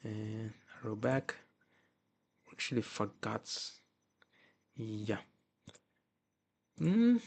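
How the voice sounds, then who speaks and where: A man's voice: fairly low pitch, sing-song, gravelly, darkish tone, husky. A man with a Russian accent, talking through a live coding session and muttering to himself as he fixes errors. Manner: muttering to himself with halting restarts. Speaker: coding streamer.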